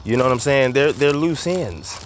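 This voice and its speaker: A man's voice: medium pitch, lively intonation, moderate pace, a little hiss or hum. A man hosting a casual commentary monologue, slightly out of breath as he walks outdoors, talking in a loose, emphatic way with lots of fillers and repeated words. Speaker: commentary host. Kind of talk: casual monologue while walking. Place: outdoors, walking.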